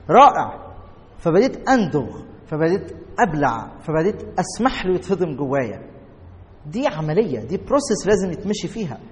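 Egyptian guy preaching, high voice, rattles along then leans hard on words, big hall reverb. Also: a little mellow. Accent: Egyptian Arabic. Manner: emphatic preaching, slows and stresses key words. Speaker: pastor. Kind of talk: sermon. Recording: long reverb of a large hall.

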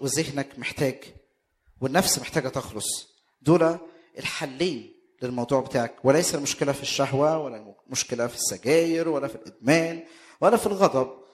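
Emphatic Egyptian preacher, fairly high voice. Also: male voice. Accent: Egyptian Arabic. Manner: emphatic, rising to loud bursts, rhetorical questions. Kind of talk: sermon.

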